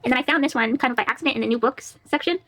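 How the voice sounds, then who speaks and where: Woman, casual book vlog, very fast talker, a bit high-pitched, giggly. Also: a bit bright. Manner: chatty, laughs often, reads blurbs aloud. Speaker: book vlogger. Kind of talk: casual library haul chat.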